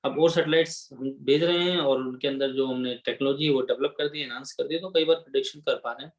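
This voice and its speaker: A man's voice: medium pitch, fairly even intonation, fast. A man teaching exam-prep geography, explaining off the cuff in Hindi with English terms mixed in, with fillers and restarts and a habit of checking in with his students. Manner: repeats "ठीक है" to check in with students.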